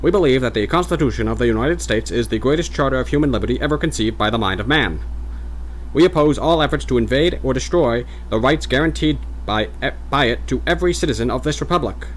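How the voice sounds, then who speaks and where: A man's voice: mid-range voice, lively intonation, fast talker, a little hiss or hum, lightly acted, low-quality recording. A man doing a mock Mid-Atlantic accent as a pompous speaker reading an old party platform aloud. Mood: grandiose. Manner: grand, old-fashioned declaiming.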